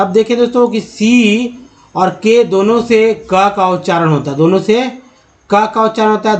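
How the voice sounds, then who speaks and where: A man with a high voice gives a relaxed spoken lesson on letters and sounds. He explains step by step, pausing and filling gaps as he goes, and calls his viewers friends. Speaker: English teacher.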